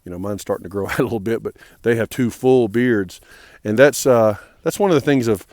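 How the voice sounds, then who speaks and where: A man's voice: lowish voice, fairly quick, darkish tone, no echo, studio quality. A man vlogging casually outdoors on a mountain trail, friendly and rambling, with many fillers and restarts. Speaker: hiker vlogging his trail days.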